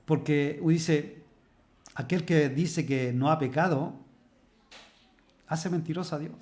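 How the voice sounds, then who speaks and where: A man's voice: a little high, a little mellow. Man preaching a Bible study. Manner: preaches with rhetorical questions and scripture readings; slows down and stresses words when reading verses. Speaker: pastor.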